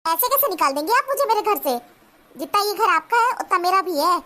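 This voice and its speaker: Cartoon daughter-in-law, very high bright voice, argues back, voiced by a woman. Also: very animated, a little fast, full character voice. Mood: defiant. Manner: retorting, argumentative. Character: young daughter-in-law, sharp-tongued, defiant. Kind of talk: cartoon voice acting.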